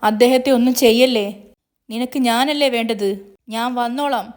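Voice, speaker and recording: A woman's voice: a little high, moderate pace, natural voice. A woman voicing a young woman who pleads and argues on the phone in distress. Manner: pleading, upset, defiant.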